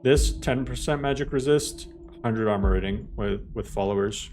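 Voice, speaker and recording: A man with a lowish voice live-streams a game at normal speed over background music. He chats loosely with viewers, explaining things step by step and saying "like" a lot.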